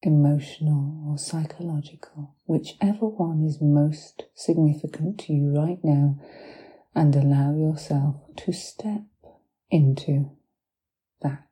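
A woman with a low, very dark and mellow voice leads a guided hypnosis meditation. She speaks extremely slowly in short, soothing phrases with long pauses, softly breathy and often sinking into a whisper. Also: fairly even intonation, poor audio. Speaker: hypnotherapist guiding relaxation.

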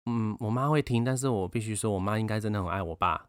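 A man with a Taiwanese Mandarin accent, co-hosting a casual podcast chat and telling a family story with animated bursts of laughter. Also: on the low side, fast talker, no room sound, studio quality. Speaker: podcast co-host.

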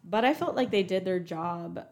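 A woman's voice: on the low side, expressive, normal speed, a little mellow. A young woman chatting casually as a podcast co-host, filling her talk with "like" and "um". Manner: chatty, lots of "like" and "um" fillers. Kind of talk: casual true crime chat.

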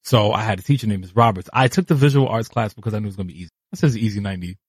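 A man in his thirties from New City, a guest artist telling his story, animated and acting out quoted voices. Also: on the low side, racing, breathy edge, dry recording. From New York City. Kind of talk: casual interview storytelling. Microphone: podcast studio mic.

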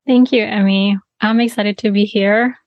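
A young adult woman from Bali telling her story as a podcast guest, animated, often adding "you know" and "right". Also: mid-range voice, normal speed, no echo, dull audio. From Bali, Indonesia. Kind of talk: casual interview storytelling.

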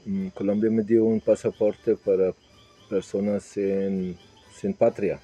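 Man in his fifties, dark mellow voice. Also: fairly low pitch, takes it slowly. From Serbia. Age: 50s. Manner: relaxed, with frequent fillers like "pues" and "¿sí?". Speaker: interviewee. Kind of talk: casual interview answers.

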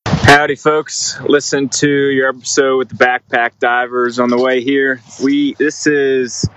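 A man calling in with a recorded phone voice message, speaking in a slow, unhurried, friendly way. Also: mid-range voice, little pitch movement, a bit bright, clean tone. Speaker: caller leaving a voice message. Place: in or near a vehicle, outdoors at a lake. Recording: muffled phone recording with vehicle noise.

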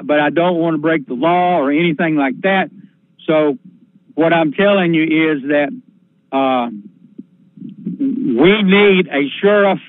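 Halting man on a tinny phone line. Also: on the high side, dry recording. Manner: halting, hesitant, evasive. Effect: heard over a phone line. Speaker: caller to sheriff's office.

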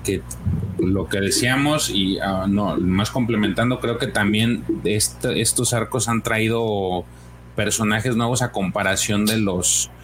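A man's voice: on the low side, a little hiss or hum. Man con acento mexicano, voz grave. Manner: hesitant, many fillers, acts out dialogue. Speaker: comics podcast co-host. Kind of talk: casual chat recapping a comic.

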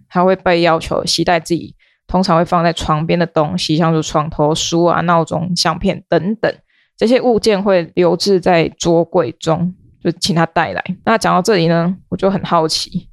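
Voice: medium pitch, no room sound. Taiwanese podcast co-host in dry, close sound. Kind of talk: casual chat.

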